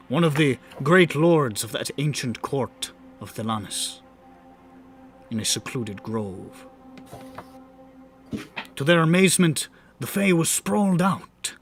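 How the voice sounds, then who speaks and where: A man's voice: medium pitch, fairly bright tone. A man voicing a bard who recites an old fantasy tale in a grand, rhythmic, theatrical storytelling manner. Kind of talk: scripted fantasy tale narration.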